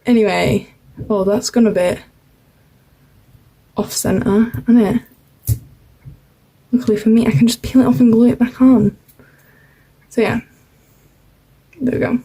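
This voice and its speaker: A woman's voice: a little high, fairly even intonation, unhurried, long pauses, dark tone, slightly rough, poor audio. A young woman chatting casually while crafting for a vlog, rambling with lots of fillers. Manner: rambling, self-interrupting, uses "like" and "um" a lot. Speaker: craft vlogger.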